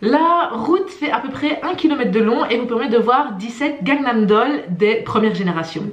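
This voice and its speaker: A woman's voice: a little high, lively intonation, normal speed, echoey room. A woman co-hosting a travel vlog, presenting tips in a lightly scripted, casual way. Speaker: travel vlogger. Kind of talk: casual guide talk with a co-host.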